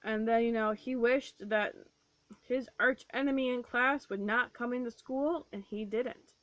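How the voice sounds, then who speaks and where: A woman's voice: fairly high pitch, a little slow, fairly bright tone, no echo, dull audio. A woman casually reviewing books on her vlog at home, chatty and rambling with lots of fillers and restarts. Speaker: book vlogger. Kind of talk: casual book review chat.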